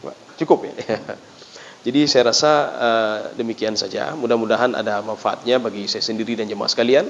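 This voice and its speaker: A man's voice: fairly low pitch, normal speed, gravelly, a little hiss or hum. A man with an Acehnese accent preaching a sermon in a prayer room, telling stories animatedly and addressing listeners directly. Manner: lively, animated storytelling, often addressing listeners as "Pak". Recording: dull lo-fi sound.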